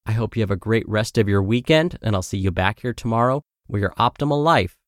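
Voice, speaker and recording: A man hosting a podcast, reading a blog post aloud in a steady, clear way and then adding his own commentary with light self-aware humor. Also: fairly low pitch, a little fast, no room sound, studio quality. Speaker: podcast host.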